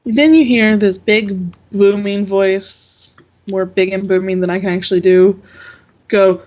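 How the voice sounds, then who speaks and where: A woman narrating as game master of a tabletop game, relaxed with fillers and restarts. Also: mid-range voice, a little slow, dull audio.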